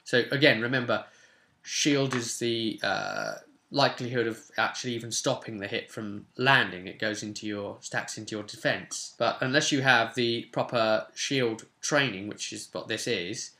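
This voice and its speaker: With an animated, sharp-toned, mid-range voice at normal speed, a man in his twenties hosting a tabletop roleplay channel casually runs through game rules and reads portions aloud. He's recorded at a desk in a small room at home.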